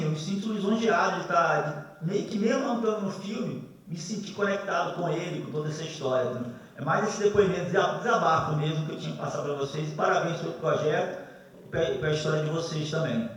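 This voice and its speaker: High-voiced man rambling in an echoey hall. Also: fast talker, distant mic. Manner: emotional, rambling, repeats "assim". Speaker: audience member, radio listener. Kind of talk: audience testimony. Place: screening hall. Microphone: distant hall microphone.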